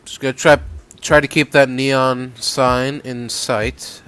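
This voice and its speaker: A man's voice: mid-range voice, little pitch movement, slow pace, fairly bright tone, clear, resonant tone. A man giving easygoing, chatty let's-play commentary, swearing casually as he plays. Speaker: gaming YouTuber.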